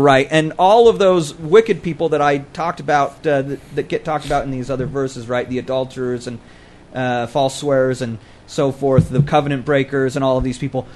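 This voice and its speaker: Fairly high-voiced man explaining scripture. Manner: explanatory, thinking aloud. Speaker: podcast co-host discussing scripture. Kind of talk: casual scholarly discussion.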